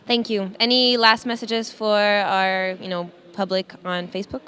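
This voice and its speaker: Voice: mid-range voice, level tone, measured pace, sharp tone. An interviewer asking brief, direct questions at a conference.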